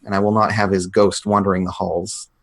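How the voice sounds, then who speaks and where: Man putting on a grave, deep monster-like nobleman. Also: flat delivery, fairly quick, crowd noise. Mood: solemn, resolute. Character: proud nobleman reclaiming his late father's house. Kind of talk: tabletop role-play.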